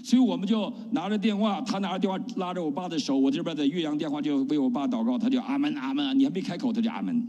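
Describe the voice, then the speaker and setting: Man, middle-aged, from China, pastor, testimony sermon, rhetorical questions, mellow tone, long church reverb. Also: a little high, fast, few pauses, dull audio. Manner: animated preaching with rhetorical questions.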